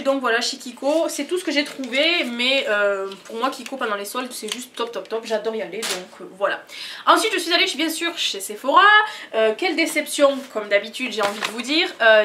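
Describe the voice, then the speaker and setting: A woman's voice: on the high side, sharp tone, a little hiss or hum. A young woman chatting enthusiastically in a casual haul vlog, gushing as she shows what she bought. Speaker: beauty vlogger.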